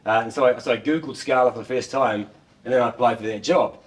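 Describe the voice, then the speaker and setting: A man's voice: medium pitch, fast. Distant-miked New Zealand man presenting. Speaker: software developer giving a talk. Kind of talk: informal tech presentation. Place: indoor meeting room, standing at a laptop beside a screen. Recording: distant room microphone.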